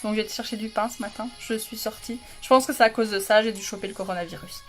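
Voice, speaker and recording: A woman's voice: medium pitch, fairly even intonation, fast talker, a bit bright, soft background music. A woman doing a casual makeup livestream from home, chatty and self-mocking, giggling often and greeting viewers by name. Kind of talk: casual live makeup chat.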